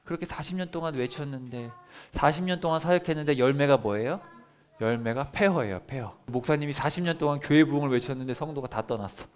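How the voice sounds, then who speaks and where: A man's voice: medium pitch, fast. A male pastor giving a children's Bible sermon at a family service. He asks the congregation questions and acts out laments in quoted speech.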